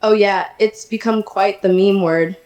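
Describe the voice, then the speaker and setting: A synthetic text-to-speech woman's voice playing a sassy, energetic female poodle chatbot, chatty and teasing. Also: medium pitch, a little slow, echoey room, dull audio. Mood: playful.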